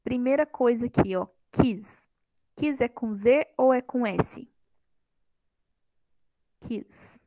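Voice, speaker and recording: A woman teacher leads a classroom grammar lesson on a microphone. Her voice sits somewhat high and moves at an unhurried pace. The sound is dry, and she keeps quizzing her students with a light teasing touch. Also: mellow, no echo, rough recording. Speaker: Portuguese teacher.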